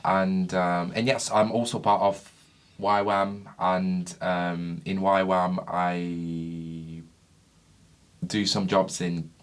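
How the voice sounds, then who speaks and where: A man with a very low voice co-hosts a casual podcast in a dry, sardonic way. He calls himself grumpy and deflates things with deadpan asides. He grew up in Brazil. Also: slow pace. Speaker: podcast co-host.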